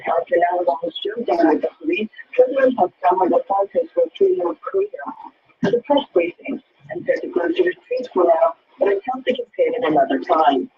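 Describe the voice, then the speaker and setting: A man's voice: huge pitch swings, a little fast. A man reading the news in a broadcast style, heard through a shortwave radio receiver. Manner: sing-song newsreader delivery with wide pitch swings. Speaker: newsreader. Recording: noisy shortwave radio reception, dull and distant.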